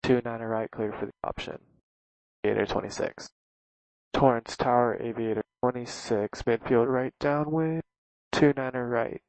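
Speaking as a pilot over the aircraft radio, a man gives terse, clipped readbacks in radio phraseology. His medium-pitched voice is steady, unhurried and darkish, recorded dry, with the dull, lo-fi sound of a radio transmission.

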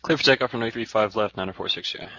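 A man's voice: lowish voice, very fast, pushed and bright, dry recording. A man speaking as a pilot, making short procedural radio calls. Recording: dull lo-fi radio audio.

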